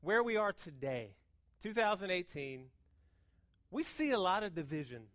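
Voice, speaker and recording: This American woman preaches casually and fast, with emphatic, chatty phrasing full of repetition and rhetorical questions. Her pitch runs on the low side and has a sing-song quality.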